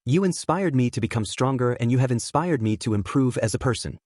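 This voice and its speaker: A devoted young woman, affectionate and tender with her lover, as a man reads her in a storybook. Her lines swing through a lively range in a dry, close recording. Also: mid-range voice, fairly quick, dry recording, close to an everyday voice.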